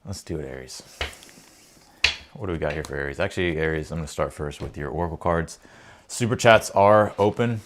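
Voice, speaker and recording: An American tarot livestream host who grew up in Ohio and Texas chats casually and rambles while reading cards, often repeating himself. His voice rumbles low and moves fairly quickly over a noisy background.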